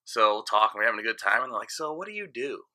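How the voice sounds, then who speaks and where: A man in his late thirties chats on a podcast as a guest DJ. His voice is fairly low but very bright and forceful. He tells his stories frankly and at rambling length. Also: very animated, very fast. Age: 30s. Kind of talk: casual podcast chat.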